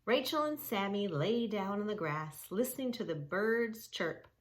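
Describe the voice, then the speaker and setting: A woman reads a story to preschoolers and guides them into yoga poses, her medium-pitched voice expressive and a touch slow. She talks to the kids directly in a simple, encouraging way.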